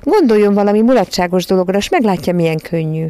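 A woman voicing an eager little boy in a storybook, pleading excitedly. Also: mid-range voice, dry recording, close to an everyday voice.

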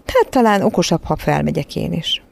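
Woman doing a stuck-up strict nanny, low gravelly voice, very dry sound. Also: lively intonation, darkish tone, dry recording, exaggerated voice. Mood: haughty. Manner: haughty and sniffy. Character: prim, haughty nanny, a young woman.

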